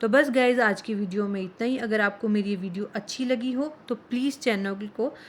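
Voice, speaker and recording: A woman teacher giving a slow grammar lesson, reading out sounds one by one in a deliberate, explanatory way. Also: mid-range voice, a little hiss or hum.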